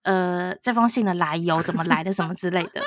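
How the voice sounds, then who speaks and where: A woman from Taiwan, co-hosting a podcast and telling a story in a lively way, often laughing and acting out what others said. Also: lowish voice, brisk, a crowd in the background. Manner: animated storytelling, frequent laughter, quotes others. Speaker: podcast co-host. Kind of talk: casual storytelling chat.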